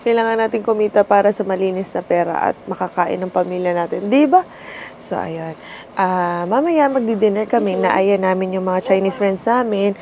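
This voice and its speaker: A young Filipino woman talks into her phone on a travel vlog, chatty and full of little fillers. Her mid-pitched voice sits over clear background noise from the street and shops around her. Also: normal speed, a little mellow. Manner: chatty, laughs often, many fillers. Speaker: vlogger. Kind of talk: casual travel vlog chat. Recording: noisy street and shop ambience.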